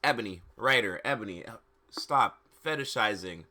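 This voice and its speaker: A man live streaming with a fairly low, animated voice, bright and forceful in tone, switches back and forth between dramatic reading and casual slang. He often halts and repeats words, and he comes across as exasperated.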